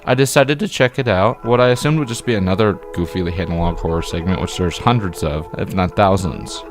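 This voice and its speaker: Over background music, a man with a low, fairly quick voice hosts his channel's scripted video essay review. His phrasing is emphatic and wordy, leaning on repeated words.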